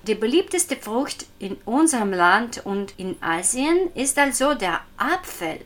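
A woman giving a scripted language lesson, speaking slowly and deliberately and repeating each word for practice. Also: a little high, a bit bright. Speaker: language teacher. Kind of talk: slow scripted lesson narration.

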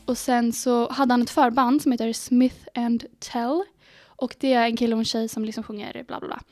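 A teenage girl co-hosting a podcast in casual chat, telling stories excitedly and acting out her own reactions. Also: a little high, dry recording, studio quality, soft background music. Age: teens. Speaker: podcast co-host.

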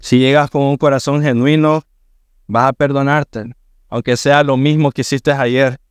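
A man's voice: medium pitch, fairly even intonation, unhurried, clear, resonant tone, dry recording, clean studio sound. A middle-aged man preaching a sermon in church, earnest and building to emphatic points about the law and forgiveness. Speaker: pastor.

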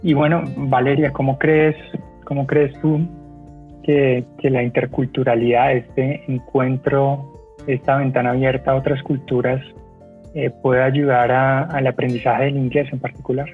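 Halting man on a tinny line. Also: mid-range voice, flat delivery, faint music behind. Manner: halting, many fillers and restarts. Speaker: panel moderator. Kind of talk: hesitant conversational moderating.

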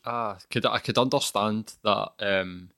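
A man's voice: fairly low pitch, a little slow, sharp tone, no room sound. A man hosting a casual interview, asking questions in a hesitant way with frequent "um"s. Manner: hesitant, many "um" and restarts. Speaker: podcast host.

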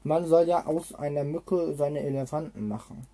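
A man reading a storybook aloud and voicing a jovial adult male oil company director, reading haltingly with slips and self-corrections. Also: a little high, dark tone, lightly acted.

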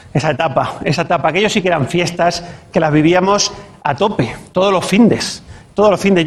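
A man, doing a punchy stand-up monologue and acting out the voices he quotes. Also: high-pitched. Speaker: stand-up comedian.

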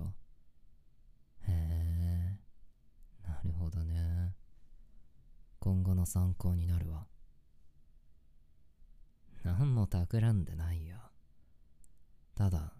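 A man playing an affectionate, teasing young boyfriend on an intimate late-night call, murmuring softly as if sleepy. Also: low voice, little pitch movement, slow, long pauses. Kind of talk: intimate boyfriend role-play audio.

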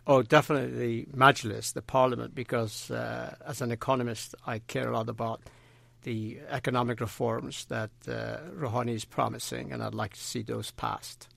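A man from Iran speaks as an economist guest on a panel, friendly and direct. His voice is deeply gravelly, with heavy fry. The room is dry and close. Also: flat delivery, normal speed, a bit bright, no room sound. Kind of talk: panel discussion answers.

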